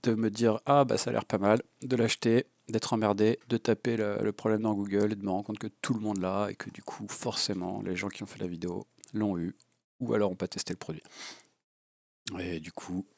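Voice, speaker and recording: This FPV drone enthusiast has a low, gravelly, slightly mellow voice with little pitch movement, and he talks a little fast. Nursing a cold, he rambles bluntly and crudely through a casual, unscripted gear review packed with fillers. There's no echo, and he records on a low-level home mic.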